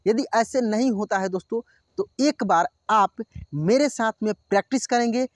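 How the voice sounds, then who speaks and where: A man's voice: high voice, moderate pace, no echo, clean studio sound. A man teaching a Hindi lesson, patiently repeating each syllable and talking to viewers as friends. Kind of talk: online lesson, drilling syllables.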